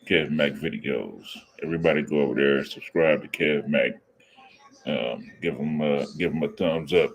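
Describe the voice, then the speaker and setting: A man hosting a live reaction stream, talking casually and rambling, with fillers and self-corrections. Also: normal speed. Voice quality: very deep voice. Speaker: reaction channel host.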